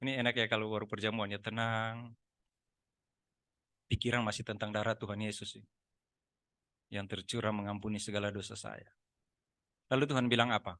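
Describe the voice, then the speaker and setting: A man's voice: fairly low pitch, flat delivery, brisk, pauses often, a bit bright. A man preaching a Sunday sermon in church, talking with the congregation and teasing them with questions. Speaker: pastor. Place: church service.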